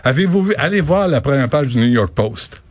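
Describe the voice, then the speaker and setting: A man's voice: mid-range voice, lively intonation, brisk, no room sound. A man with a Quebec French accent, hosting a radio show in casual, joking banter. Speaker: radio host.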